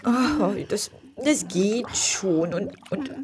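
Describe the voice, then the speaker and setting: A woman plays an excitable, grumbling elephantnose fish in a children's audio drama. The delivery is very lively in pitch and unhurried. The fish stammers and exclaims theatrically. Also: crowd noise. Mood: calmer, explaining. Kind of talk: German children's audio play acting.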